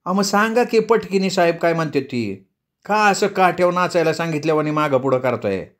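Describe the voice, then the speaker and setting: Fiery village woman, sharp-tongued and threatening, acted by a male narrator in a raised voice. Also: fairly high pitch, animated, fairly quick, voice pushed up, lightly acted. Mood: impatient.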